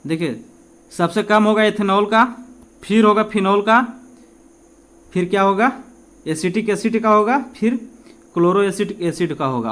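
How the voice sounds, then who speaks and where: A high-pitched man from India teaches exam questions in an informal lesson, working through practice problems conversationally. He asks his own questions and answers them, switching between Hindi and English.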